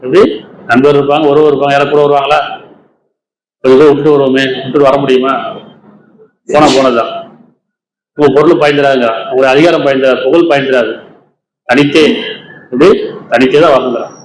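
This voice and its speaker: A man's voice: mid-range voice, steady tone, fairly quick, pauses often. Man preaching in an echoey room. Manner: rhetorical questions to listeners. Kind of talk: Islamic sermon in Tamil. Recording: echoey room with faint ambience.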